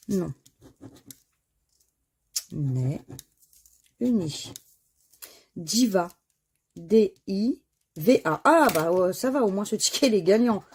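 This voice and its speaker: A woman's voice: medium pitch, creaky, a little mellow, a little hiss or hum. A woman commenting casually as she scratches lottery crossword tickets, reading out words and letters one by one and sighing when they miss. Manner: reads out words and letters one by one, sighs at misses. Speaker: scratch card vlogger.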